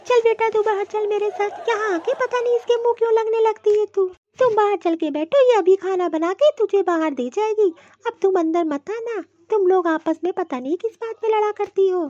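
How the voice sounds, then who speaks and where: Woman voicing a bossy cartoon mother-in-law, scolding, commanding, very high-pitched, dry sound. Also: a little mellow, no room sound, lo-fi sound. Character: bossy older mother-in-law, sides with her daughter. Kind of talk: cartoon voice acting.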